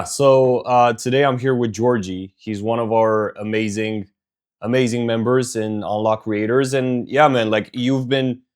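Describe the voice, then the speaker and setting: A male host with a slightly low voice chats loosely with his guest. He strings his sentences together with casual fillers and a friendly, chummy ease. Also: clean tone. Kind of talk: casual interview hosting.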